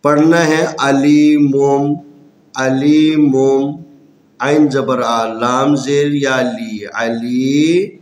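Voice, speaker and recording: In an echoey room, a mid-range male voice with a Pakistani Urdu accent teaches Quran reading slowly, going through the letters and vowel marks individually.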